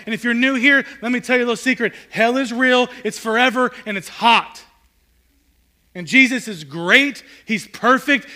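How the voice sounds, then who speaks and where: Bright-voiced pastor preaching. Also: male voice, high-pitched. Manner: conversational, animated, swings from loud to hushed. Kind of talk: sermon. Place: church hall with congregation.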